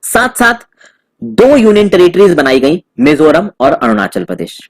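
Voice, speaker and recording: A man's voice: high-pitched, huge pitch swings, normal speed. A young man giving an exam-prep lecture, explaining over a map in a friendly, chatty way and slipping English terms into his talk. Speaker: exam tutor.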